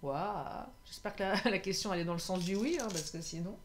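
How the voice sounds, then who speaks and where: A woman giving a casual, chatty tarot reading to her viewers, often laughing and pausing on filler sounds. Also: lowish voice, noisy background. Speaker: tarot card reader.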